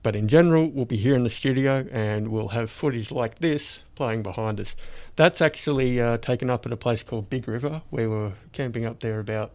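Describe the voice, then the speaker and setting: A man's voice: medium pitch, fairly quick, hardly any pauses. A toothless Australian man chatting casually as a podcast host through a face mask, explaining things in a rambling way. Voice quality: toothless, soft-edged speech. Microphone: speaking through a face mask. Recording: dull lo-fi sound.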